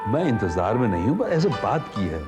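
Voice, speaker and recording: An actor playing a greedy, scheming young husband in a TV serial drama, probing and defensive. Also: male voice, lowish voice, big pitch swings, a little fast. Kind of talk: TV serial acting. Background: loud background music score.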